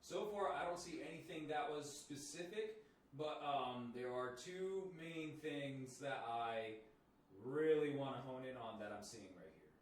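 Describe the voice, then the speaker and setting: A man's voice: medium pitch, a little slow, a little hiss or hum. A man co-hosting a casual podcast chat, profane and laid-back, laughing easily. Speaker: podcast co-host. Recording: echoey room, mic at a distance.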